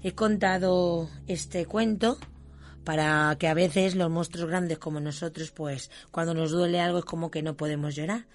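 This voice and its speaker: A woman storyteller reading children's stories aloud in an expressive way and speaking directly to her listeners. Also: fairly low pitch, normal speed.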